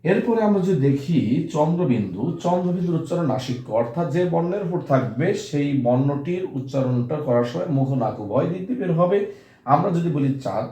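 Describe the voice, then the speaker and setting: A man's voice: fairly high pitch, animated, warm tone. Man teaching in an echoey room. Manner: explains slowly, repeats example words aloud. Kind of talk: classroom lesson on pronunciation.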